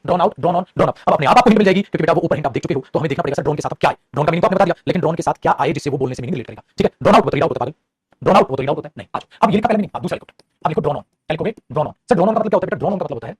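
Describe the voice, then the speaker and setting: A male English teacher with a Hindi accent, explaining exam questions quickly in mixed Hindi and English, repeating phrases and coaxing students. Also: a little high, a little mellow, breathy edge, dry recording. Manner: repeats key phrases, asks and answers his own questions. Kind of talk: online exam-prep lesson.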